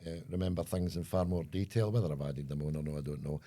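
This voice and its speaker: A man's voice: extremely low pitch, fast, dark tone. An older man with a Scottish accent, co-hosting a casual comedy chat, joking, swearing and slipping into mock voices. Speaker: co-host.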